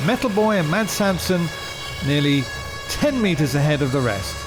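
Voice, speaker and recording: A man's voice: fairly high pitch, very animated, normal speed. A man commentating as a tractor pull announcer, calling runs and distances in a motorsport style. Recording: loud engine and vehicle noise. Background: roaring tractor engines.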